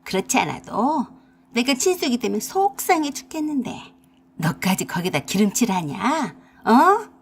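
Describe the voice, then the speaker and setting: A woman's voice: fairly high pitch, sing-song, measured pace, slightly rough, exaggerated voice. A woman voicing a bossy, scolding older mother-in-law with an in a radio drama. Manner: harsh, nagging, scolding.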